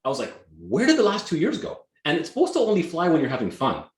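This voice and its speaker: Born in Canada with Greek as his first language, a real estate team leader talks energetically and emphatically as a guest in a casual interview. His voice sits on the high side, swoops wildly in pitch and moves at a quick pace, and the room sounds echoey.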